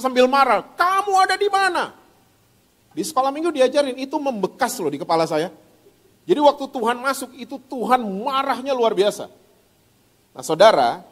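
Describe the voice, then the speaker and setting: A male pastor preaching a sermon in a church, lively and questioning the congregation. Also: high-pitched. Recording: reverberant church hall.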